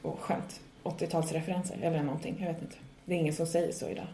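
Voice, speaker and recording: A young woman co-hosting a casual podcast chat, telling stories with lively, acted-out asides. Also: low voice. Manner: animated, acts out her own reactions in quoted asides. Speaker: podcast co-host. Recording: echoey room.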